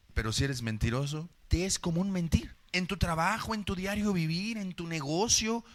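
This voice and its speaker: A man's voice: high voice, a bit bright. A man with a Mexican accent preaching a sermon, dramatic and full of rhetorical questions aimed straight at the congregation.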